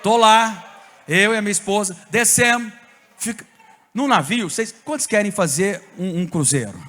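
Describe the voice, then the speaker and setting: High-pitched Brazilian preacher in echoing hall. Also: male voice, normal speed. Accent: Brazilian Portuguese. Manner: animated storytelling preacher, bursts of shouting and tongues. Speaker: pastor. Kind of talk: sermon.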